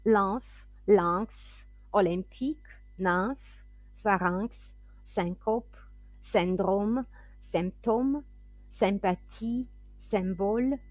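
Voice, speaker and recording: A woman teaching French pronunciation, reading word lists and example sentences in a careful, clearly enunciated way. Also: mid-range voice, very slow, dry recording. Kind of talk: slow, deliberate word-list reading.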